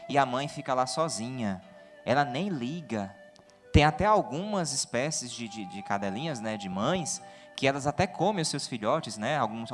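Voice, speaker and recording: A man with a Brazilian Portuguese accent preaching a sermon in a lively, joking way, often putting questions to his listeners. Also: fairly high pitch.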